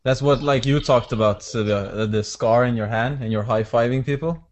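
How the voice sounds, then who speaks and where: A man's voice: medium pitch, moderate pace. A man interviewing a guest in a casual chat, curious and searching for words as he reflects.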